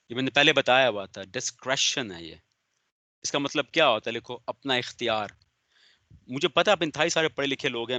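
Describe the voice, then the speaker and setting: Sarcastic, bright-voiced male law lecturer. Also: medium pitch, dry recording. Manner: stern, sarcastic, calls on students by name. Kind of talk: online lecture, scolding and explaining.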